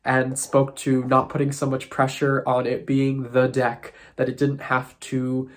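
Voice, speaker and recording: A man's voice: mid-range voice, completely flat delivery, unhurried. A man with a nasal, congested voice from sinus trouble, talking in a thoughtful, musing way in a casual vlog. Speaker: tarot content creator.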